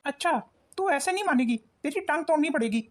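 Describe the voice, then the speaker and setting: A woman voicing a hot-tempered, abusive young husband in an animated cartoon, harsh and bullying. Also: sits high, quick pace, heavy background noise. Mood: angry.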